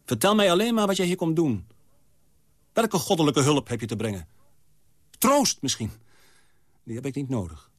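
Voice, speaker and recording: A man's voice: on the high side, big pitch swings, moderate pace, long pauses, no room sound, clean studio sound, pitched above the performer's own voice. A man reading aloud, voicing a bitter, impatient dying old man who questions his fate. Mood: scornful. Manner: anguished questioning, biting. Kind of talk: literary reading.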